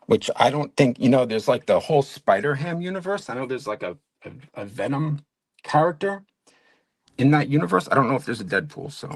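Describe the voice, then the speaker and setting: A Long Island man with a New York accent chats and rambles while painting miniatures on a stream from his hobby desk in a home studio. He's animated and fairly quick at a medium pitch, full of fillers and self-corrections, with no echo.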